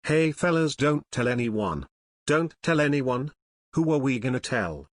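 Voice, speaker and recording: A man voicing his sly middle-aged boss in a high, funny, conspiratorial voice. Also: sing-song, moderate pace, no room sound, clean studio sound.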